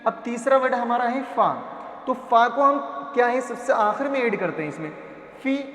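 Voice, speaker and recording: A man's voice: very high-pitched, expressive, pushed and bright. A man teaching a patient reading lesson, stretching out letter sounds to demonstrate them and often checking that students follow. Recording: echoey room with long reverb.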